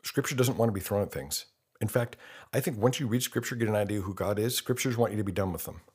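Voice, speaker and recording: A man's voice: lowish voice, quick pace, a little mellow, breathy edge. A man in his fifties, a podcast host delivering an impassioned, blunt monologue with rhetorical questions. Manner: earnest and blunt, with rhetorical questions and mocking quoted voices.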